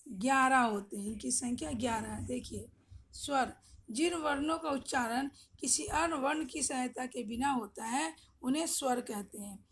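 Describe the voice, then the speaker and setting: A woman's voice: high-pitched, a bit bright, breathy edge. A middle-aged woman teacher giving an online class, explaining patiently, repeating questions and checking with the children. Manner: explains slowly, repeats questions, frequent "ठीक है".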